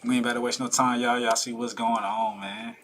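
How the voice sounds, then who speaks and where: A man's voice: mid-range voice, flat delivery, brisk, fairly bright tone. A man hosting a reaction video, talking to his viewers in a hyped, slangy way. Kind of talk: casual reaction commentary.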